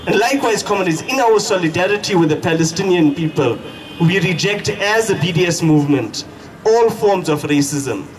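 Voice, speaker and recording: High-pitched South African man, fiery protest speech. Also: lively intonation. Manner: emphatic, deliberate rhetorical phrasing with repetition. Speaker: activist speaker at a protest rally. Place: outdoor protest. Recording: distant mic, noisy outdoor street ambience.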